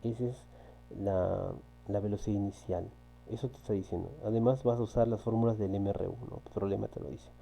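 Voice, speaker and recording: A man's voice: fairly low pitch, fairly even intonation, fairly quick, vocal fry, mellow, low-quality recording. Patient male physics teacher. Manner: patient, repeats key points, asks "¿sí?" to check understanding. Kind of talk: recorded online class walking through exercises. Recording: faint electrical hum.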